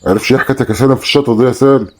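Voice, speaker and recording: A man's voice: medium pitch, fairly even intonation, racing, darkish tone, lightly acted. An actor with an Egyptian accent playing a quarrelsome man arguing over spicy food at a street stall. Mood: bickering. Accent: Egyptian Arabic. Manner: quarrelsome, teasing. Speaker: actor in a web drama.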